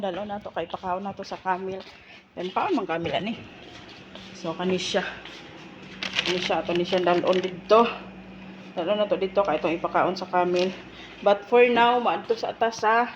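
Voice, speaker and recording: Walking around a farm full of camels, goats and birds, a vlogger with a mid-range voice chats casually, teasing, joking then retracting, and calling out to the animals. It's recorded outdoors on a phone, with wind and a dull sound.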